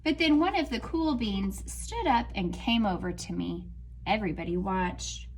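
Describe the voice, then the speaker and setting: A woman teacher reading a picture book aloud to children, pausing to talk about the story. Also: mid-range voice, expressive, a little hiss or hum, poor audio. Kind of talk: read-aloud storytime with commentary.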